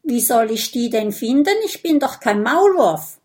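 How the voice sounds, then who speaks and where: A woman doing a small, fretful vampire boy in a storybook, his voice pitched well above her own, eager and a little breathless with worry. The reading moves slowly and carefully. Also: lively intonation, darkish tone. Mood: flustered. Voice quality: raised, boyish voice. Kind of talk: audiobook character voice.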